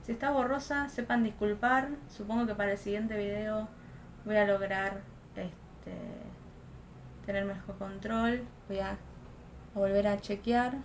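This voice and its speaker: A woman's voice: medium pitch, steady tone, unhurried, a little hiss or hum. A young woman, chatting casually through a makeup tutorial at home and thinking aloud. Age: young adult. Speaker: makeup vlogger. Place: home room, close to a lamp.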